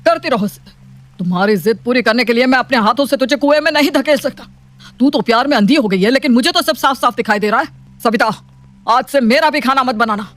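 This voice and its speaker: A woman voicing a strict, proud, wealthy middle-aged father in an animated storybook, scolding and commanding. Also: on the high side, brisk, faint music behind, close to an everyday voice. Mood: stubborn.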